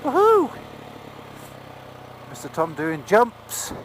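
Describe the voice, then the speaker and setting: A fairly high-voiced man talks from inside a motorcycle helmet, caught on a helmet mic. He keeps up a whooping, laughing commentary while he rides a dirt trail outdoors. Faint engine and wind noise runs under his voice. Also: wildly swooping pitch, very slow. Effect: talking inside a motorcycle helmet. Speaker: dirt bike rider filming his ride. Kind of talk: casual commentary while riding.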